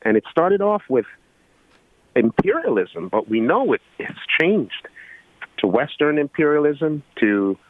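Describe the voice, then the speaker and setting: A man from Guyana, an electrical engineer, calling in to a talk show and making his point earnestly, with many pauses and fillers. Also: fairly high pitch, big pitch swings, no room sound, phone-quality sound. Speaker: caller. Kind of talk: call-in radio talk.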